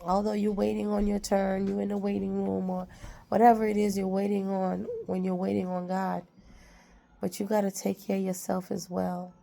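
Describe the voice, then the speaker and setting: A woman speaks straight to her viewers in a casual, heartfelt way. Her voice is strongly gravelly and full of fry. She sits at a middle pitch and drives her points home by saying the same phrase again and again. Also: level tone, moderate pace, warm tone. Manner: repeats phrases for emphasis, preachy and heartfelt. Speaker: vlogger. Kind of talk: casual motivational talk.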